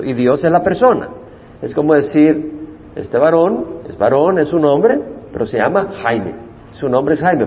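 A man leads a Bible study as pastor, with a gravelly voice and a steady middle pitch. He explains Hebrew word meanings and repeats terms to drive them home. The recording is dull and lo-fi, with a long church-hall reverb. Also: a little hiss or hum.

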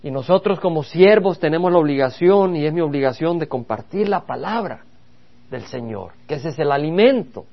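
A man's voice: on the high side, animated, normal speed, creaky, dull audio. A man, a pastor, leading a Bible study sermon, reading scripture aloud and preaching with rising emphasis.

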